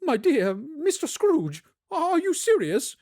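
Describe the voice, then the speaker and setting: A man voicing a portly, kindly old gentleman, flustered and astonished, with stammering exclamations in a storybook radio play. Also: extremely high pitch, wildly swooping pitch, slow, dry recording, studio quality, voice pushed up, heavily acted. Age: older.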